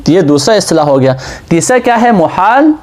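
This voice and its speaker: Lively-voiced male seminary lecturer. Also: high voice. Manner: asks questions and answers them himself. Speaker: seminary teacher. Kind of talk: classroom lecture on Islamic law.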